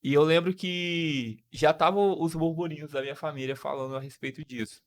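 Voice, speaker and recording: A man's voice: a little high, fairly even intonation, moderate pace. A young man from Brazil hosting a podcast, telling a personal story with feeling, full of slang and restarts. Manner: emotional, slang-filled storytelling with frequent restarts. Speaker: podcast host.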